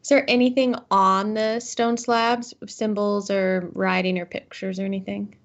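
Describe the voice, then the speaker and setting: A woman's voice: medium pitch, level tone, measured pace, lo-fi sound. A woman player in a tabletop horror game, chatty and thinking aloud. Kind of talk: playing a tabletop game over a call.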